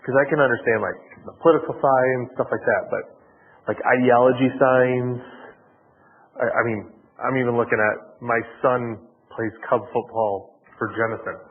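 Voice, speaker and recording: A man's voice: mid-range voice, fairly even intonation. A man on a township board, speaking hesitantly with many restarts at a public meeting. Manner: hesitant, halting with repeated restarts. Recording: tinny lo-fi audio in a reverberant hall.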